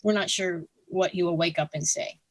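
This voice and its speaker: A woman's voice: on the low side, steady tone, normal speed, dry recording. Outspoken sixty-year-old woman, dry sound. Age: 60s. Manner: frank, opinionated, with many restarts and fillers. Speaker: podcast guest. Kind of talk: casual interview talk.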